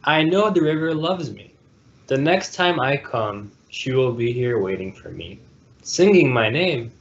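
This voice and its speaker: A male storytime host reads a picture book to children via video call, sounding very animated at a measured pace in a mid-range voice. The call audio is low-fidelity and muffled.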